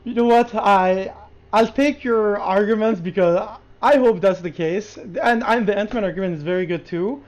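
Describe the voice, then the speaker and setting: A podcast co-host reviewing a show in casual chat, excited and quick, with many restarts. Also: medium pitch. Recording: lo-fi podcast audio.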